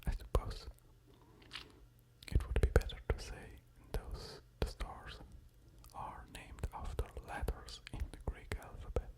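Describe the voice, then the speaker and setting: A man doing whispered ASMR in a soft unvoiced whisper, close to an ear-to-ear microphone, musing in a hesitant way. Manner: slow, hesitant delivery with musing asides. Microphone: close-up stereo ear-to-ear microphone.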